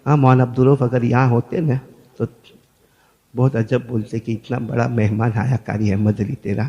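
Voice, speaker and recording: A man preaching a storytelling sermon, animated, acting out the voices of people in his tale. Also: mid-range voice, creaky, muffled recording. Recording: echoey hall.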